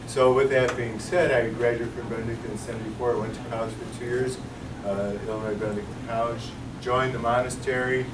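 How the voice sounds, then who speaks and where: A man's voice: mid-range voice, little pitch movement, brisk, noisy background. A man in his sixties, a priest, giving an informal talk at a luncheon, rambling with restarts and joking about himself. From United States. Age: 60s. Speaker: priest and monk speaking at a luncheon. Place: luncheon hall. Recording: roomy, distant, with loud room ambience.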